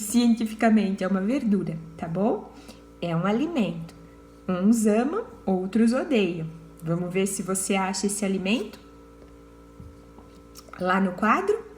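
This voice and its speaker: A woman's voice: on the high side, darkish tone, reverberant, a little hiss or hum. A Brazilian woman teacher giving word clues to children in a recorded lesson, patient and repeating herself. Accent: Brazilian Portuguese.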